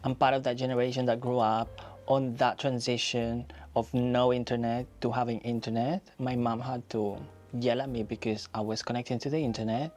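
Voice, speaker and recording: Speaking in a darkish mid-range voice, a Spain-raised man in his thirties reflects casually to the camera for his personal YouTube vlog. He repeats phrases to emphasize his points.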